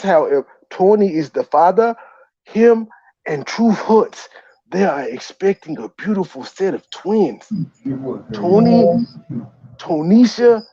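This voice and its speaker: A livestream host and commentator with a high-pitched, gravelly yet warm voice jokes around in a put-on comic accent. His banter is teasing and mock-exasperated, with repeated "ma'am"s, captured in dull, lo-fi, roomy stream audio.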